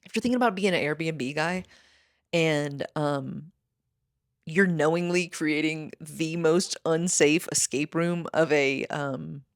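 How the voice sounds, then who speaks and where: A breathless woman rants through a casual comedy podcast, rambling and swearing between gasps. Her voice sits a little low. The sound is dry and close, taken on a handheld mic in a makeshift hotel-room studio. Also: takes it slowly, dry recording. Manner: rambling, profane, ranting with laughs. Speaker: podcast co-host.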